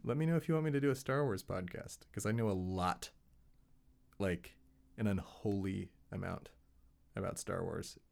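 A man's voice: deep voice, normal speed, creaky, darkish tone. A man hosting his own podcast, giving a casual, rambling solo update with self-mocking asides. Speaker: podcast host.

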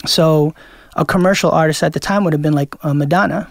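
A man's voice: on the high side, brisk, vocal fry, dry recording, clean studio sound. A man from Queens, a DJ guest talking loosely in an interview, full of fillers and restarts. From Queens, New York. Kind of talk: casual interview chat.

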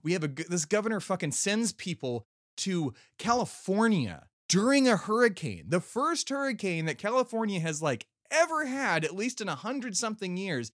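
A man's voice: a little high, fairly bright tone, dry recording, studio quality. A man leaving an angry, swearing voice message as a caller ranting about where he lives.

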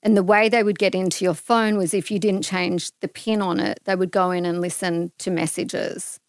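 Smooth-voiced Australian woman telling a story. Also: lowish voice, normal speed, dry recording, clean studio sound. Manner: earnest, animated retelling with acted-out quotes. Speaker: guest. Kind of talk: casual interview storytelling.

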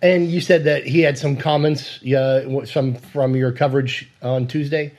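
A man's voice: medium pitch, fairly even intonation, moderate pace, darkish tone. A man hosting a sports podcast, chatting casually and steering the talk with questions. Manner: conversational, leads the questions. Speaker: podcast host.

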